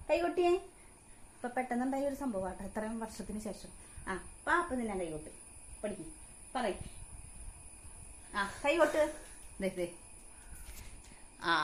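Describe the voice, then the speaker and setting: A mother with a Kerala Malayalam accent in a casual home vlog. Her voice sits a little high, and it lifts into a playful, coaxing sing-song when she talks to her little boy. Then it settles into calm explaining, with faint noise in the background. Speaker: mother of the vlog's child.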